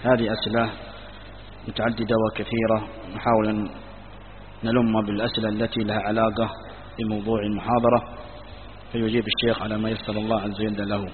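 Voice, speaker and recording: Brisk flat-voiced moderator in echoing hall. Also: male voice, on the low side. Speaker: lecture moderator reading questions. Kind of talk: formal announcement and question reading. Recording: lo-fi phone-like sound with long reverb and faint noise.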